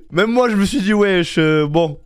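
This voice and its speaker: Slangy, high-voiced French streamer chatting. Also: male voice, smooth. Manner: slangy, rambling, talks to chat. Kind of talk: casual live-stream chat.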